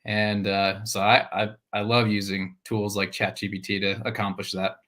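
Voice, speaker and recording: Bright, chatty male co-host. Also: fairly low pitch, level tone, moderate pace. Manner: chatty, teasing, laughs easily. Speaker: podcast co-host. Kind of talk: casual live show chat.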